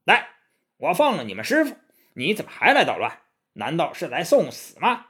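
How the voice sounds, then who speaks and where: A man voicing a fierce, hot-tempered male demon king in a storybook tale, shouting threats and muttering schemes. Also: fairly high pitch, wildly swooping pitch, normal speed, breathy edge, pitched above the performer's own voice, full character voice. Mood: furious.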